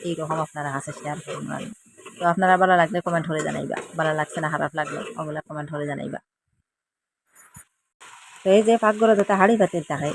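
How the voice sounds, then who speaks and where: A woman's voice: low voice, creaky, noisy background. A middle-aged woman from Assam with a Sylheti accent, chatting homely and repetitive in a casual cooking vlog from her village kitchen. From Assam, India. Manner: chatty, homely, repeating words for emphasis. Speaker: village lifestyle vlogger. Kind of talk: casual cooking vlog, explaining dialect words.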